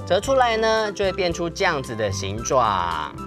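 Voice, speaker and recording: Young male kids' show host, Taiwanese accent, high voice, coaxing talk-to-toddlers delivery, music underneath. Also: wildly swooping pitch, moderate pace. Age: young adult. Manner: speaks as if to toddlers, simple and coaxing. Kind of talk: presenting an origami lesson to small children. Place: television studio.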